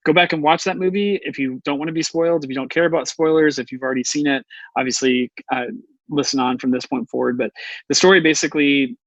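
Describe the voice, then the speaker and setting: A man's voice: fairly high pitch, fairly even intonation, fast talker, fairly bright tone, dry recording, muffled recording. Rambling male podcast co-host, dry sound. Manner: rambling, full of fillers and restarts. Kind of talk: casual podcast chat.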